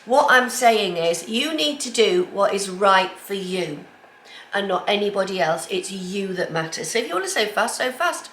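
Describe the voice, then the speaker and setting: Animated and a touch bright, a woman's mid-pitched voice moves at a moderate pace while she chats for her sewing vlog. She's stuffy from a cold, rambles with lots of ums, and records in her home kitchen, which sounds echoey with faint background noise.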